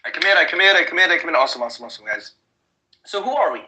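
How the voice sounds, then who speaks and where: A man from the Chicago suburbs giving an online sales webinar pitch, pushy and constantly asking the audience if they are following. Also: very animated, very fast, sharp tone, a little hiss or hum, rough recording. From United States, Chicago suburbs. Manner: pushy, repeats rhetorical check-in questions. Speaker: online business trainer.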